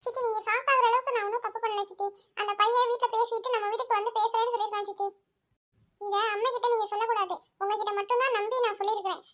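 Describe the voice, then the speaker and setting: A woman voicing a frank, defensive young college student who talks rapidly and insistently in an audio story. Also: very high voice, steady tone, a bit bright. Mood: pleading.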